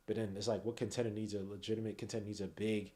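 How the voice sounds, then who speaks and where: A man hosting a late-night basketball podcast, tired and yawning, rambling and swinging from low mutters to loud outbursts. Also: flat delivery, racing. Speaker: podcast host.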